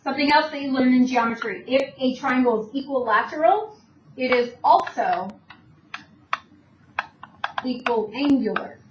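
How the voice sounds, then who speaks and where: A high-voiced woman walks through a math lesson step by step, answering the questions she poses to the class, a little slowly and with long pauses. She is far from the mic in an echoey room, and the dull recording carries a faint hiss.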